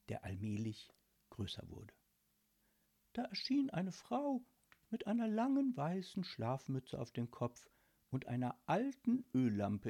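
Woman narrator for a spooky storybook; slow, breathy, very lively delivery. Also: rumbling low. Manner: dramatic, slow, expressive reading. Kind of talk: storybook reading aloud.

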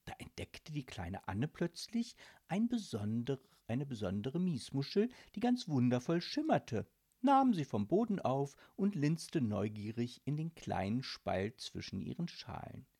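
A man narrating a children's audiobook in an expressive storytelling manner. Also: medium pitch, a little slow, husky. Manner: warm storytelling, varied and expressive.

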